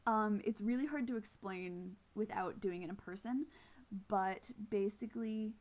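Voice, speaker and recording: A woman's voice: mid-range voice, unhurried, darkish tone. A woman flute player with missing teeth, giving an informal, hesitant and self-deprecating tutorial. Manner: casual, self-deprecating, hesitant while explaining. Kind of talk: informal instructional talk with demonstrations.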